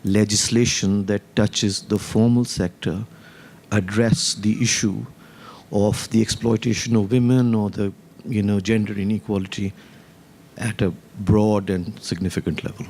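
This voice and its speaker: Man questioner, low mellow voice, formal phrasing. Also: little pitch movement. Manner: formal, deliberate. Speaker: audience questioner.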